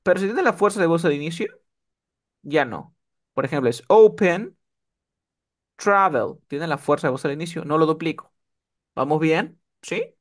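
A man's voice: on the high side, normal speed. A man teaching English one-on-one over a video call, often checking that his student is following. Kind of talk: one-on-one online tutoring.

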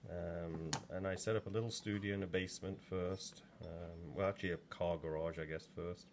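A low-voiced Englishman in his sixties keeps a fairly even intonation and a moderate pace while working in his pottery studio. His casual demo talk rambles with many ums, recorded from just over his shoulder amid background noise.

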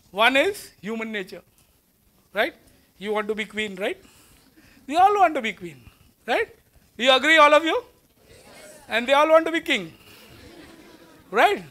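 Pacing the stage and gesturing, a guest lecturer with an Indian English accent speaks to seated students in a packed, large auditorium via a lapel mic. His voice is unusually high and bright, with lively intonation, a measured pace and frequent pauses, and he keeps the talk conversational with rhetorical questions.

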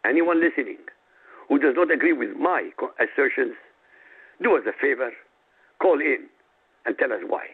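Calling in on a phone to a radio show, an Arabic-speaking man from Iraq declaims a prepared statement with emphasis, slowly running through a list of items. His medium-pitched voice is animated with a breathy edge, and the line sounds tinny.

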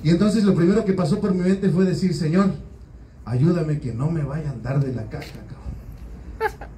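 A man with a Mexican Spanish accent performs a crude stand-up routine at a small open-mic venue, telling slang-heavy stories and saying "güey" often. His voice is on the high side and warm, and he talks a little fast. The mic sits at a distance, so the sound is roomy with faint room noise.

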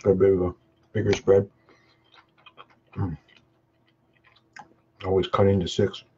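On a live webcam stream, a Canadian hot sauce vlogger chats casually over spicy pizza, humming and chewing between short comments while the peppers make him sweat. His delivery is flat and measured, with a darkish tone. The webcam mic yields dull, low-fi sound with faint noise.

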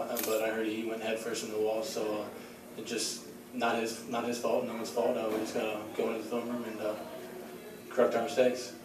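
A young man in his twenties answering questions at a post-game press conference, halting and self-critical with many fillers. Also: medium pitch. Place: large echoey press room. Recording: echoey room, distant mic, background noise.

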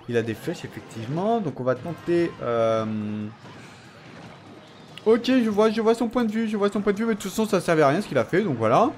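Excitable young man trash-talking through a game. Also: a little high, slight background noise. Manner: excitable, playfully trash-talking, laughing often. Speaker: gaming channel host. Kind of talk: casual gameplay commentary.

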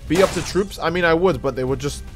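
A man streaming a video game, rambling casually, swearing and reacting loudly to what happens on screen. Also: on the high side, quick pace, music in the background. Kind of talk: casual gaming stream chat.

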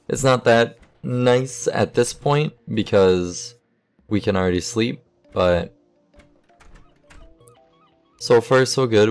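Young guy w the hiccups doing laid back gaming commentary, unhurried, bit of vocal fry, low-ish voice. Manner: relaxed, thinking aloud while sorting items. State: has the hiccups. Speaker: gaming YouTuber. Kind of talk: casual game commentary.

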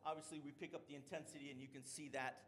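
A middle-aged strength and conditioning coach gives a conference presentation, talking fast in a slightly high, somewhat bright voice with a flat delivery. He explains his points with frequent "right?" check-ins.

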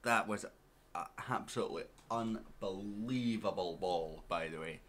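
A man with a low, deep voice commentates a management game in an easy let's-play style. He chats directly to his audience and to the players on screen in a relaxed, conversational way. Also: measured pace. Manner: chatty, talks straight to viewers and to his players. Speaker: gaming YouTuber.

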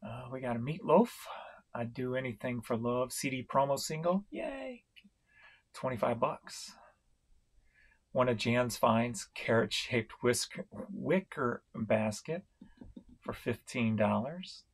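A middle-aged man from St. Louis, Missouri, giving a casual vlog update on his online reselling, talking in a slow, rambling way with many fillers and restarts. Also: mid-range voice, lively intonation, slightly rough. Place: home room, indoors.

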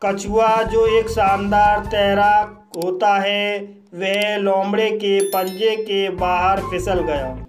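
High-voiced man teaching slowly. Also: level tone, soft background music. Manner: dictates each word then its meaning, deliberate. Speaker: English teacher. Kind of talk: slow word-by-word translation lesson.

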